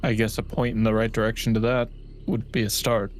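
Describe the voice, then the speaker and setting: A man's voice: on the low side, level tone, fairly quick, a little hiss or hum. A man chatting casually as a player in a tabletop game.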